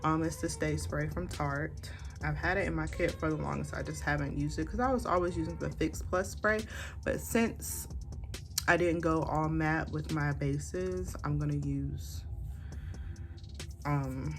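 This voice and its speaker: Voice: medium pitch, measured pace, faint music behind. A makeup tutorial host chatting casually, with a sassy, campy, playful manner. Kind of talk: casual chat while doing a makeup tutorial.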